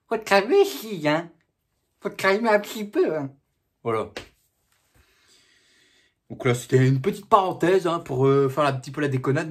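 A man's voice: sits high, breathy edge. A man giving a casual, slangy film review, repeating himself and breaking into sudden mock outbursts.

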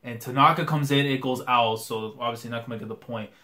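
A young man reading a comic chapter aloud and reacting to it live, casual and excitable, full of slang. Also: mid-range voice, fast. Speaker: manga reaction host.

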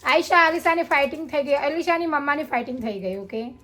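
A mother and vlogger chats with her kids for a casual family vlog, coaxing and scolding them. Her voice sits high and expressive, and she talks a little fast. It's a home video with clear background noise.

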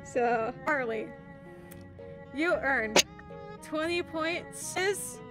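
A woman's voice: high voice, animated, very slow, loud music behind the voice. A woman hosting a game show, chatty, laughing often, announcing questions and scores.

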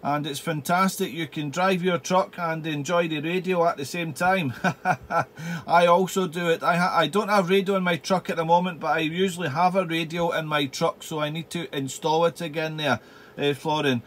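A man's voice: a little high, fairly even intonation, normal speed, fairly bright tone. A man making casual amateur radio contact from a home radio room, repeating phrases and using radio call-sign jargon. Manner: repeats himself, spells out in phonetic alphabet. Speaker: amateur radio operator, channel host.

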